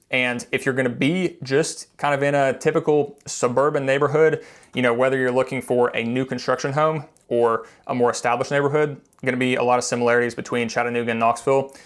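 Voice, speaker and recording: A man's voice: mid-range voice, fairly even intonation, fast. A man from Tennessee presenting in a casual, explanatory way, pointing things out conversationally as a local guide. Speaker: local real estate video presenter.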